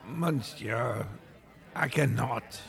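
A man's voice: medium pitch, big pitch swings, slow, vocal fry, a bit bright, faint music behind, a faint crowd, exaggerated voice. A man voicing a haughty French head waiter with a fussy put-on accent. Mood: prim.

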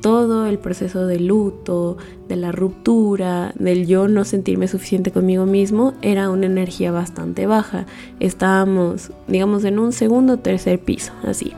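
A young woman with a warm, mellow voice and a gravelly edge recounts a personal experience, slipping into her past thoughts as little quoted scenes. Faint music plays softly behind her. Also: mid-range voice, steady tone, normal speed. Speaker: storyteller. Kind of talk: personal storytelling.

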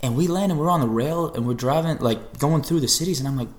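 A man co-hosting a podcast, chatting casually in a laid-back, slangy way and telling stories with lively energy. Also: a little high, fast talker. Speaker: podcast co-host. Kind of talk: casual chat. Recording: roomy echo.

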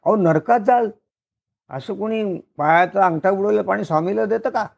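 A storyteller puts on a mischievous old sage, male and curious, who needles with coaxing questions in a high, gravelly voice. The recording sounds dull and lo-fi. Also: normal speed, a little mellow.

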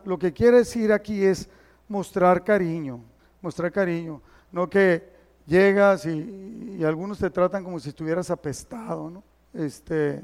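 A middle-aged Mexican pastor preaches in a high, lively voice. He acts out the people in his stories as he goes. His voice rings with the long reverb of a large hall. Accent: Mexican Spanish. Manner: animated storyteller, acts out quoted dialogue. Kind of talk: sermon.

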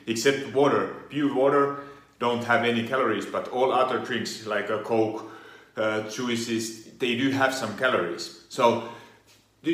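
A man with a Finnish accent, an online fitness coach explaining things in a halting way with many fillers and restarts. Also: fairly low pitch, fairly bright tone, reverberant. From Finland. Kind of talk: explainer monologue.

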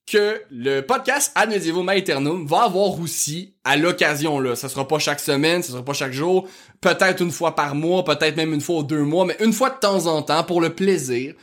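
A man with a rural Quebec French accent hosting his own podcast, talking fast and excitedly and piling on information. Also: fairly high pitch. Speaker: podcast host. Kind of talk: casual solo podcast talk.

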